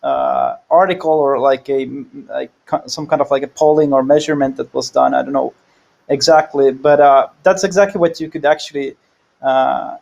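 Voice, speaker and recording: Male panelist, gravelly, hesitant, repeats words. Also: mid-range voice, fairly even intonation, darkish tone, lo-fi sound. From Finland. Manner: halting, many fillers and repeated words. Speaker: panel guest. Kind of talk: casual panel discussion.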